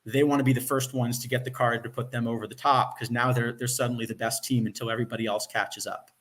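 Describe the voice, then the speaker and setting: Man explaining in a mid-pitched voice. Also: little pitch movement, fast, fairly bright tone. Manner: explanatory, reasoned. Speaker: game analyst. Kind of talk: casual analytical commentary.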